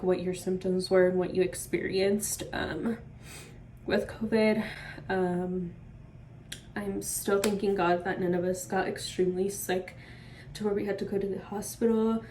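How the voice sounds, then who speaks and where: A woman's voice: mid-range voice, a little mellow, recorded from a distance, a little hiss or hum. Breathless young woman vlogging while sick. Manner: rambling, heavy use of "like" and "um". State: short of breath, sore throat from illness. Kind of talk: casual chat to camera. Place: at home.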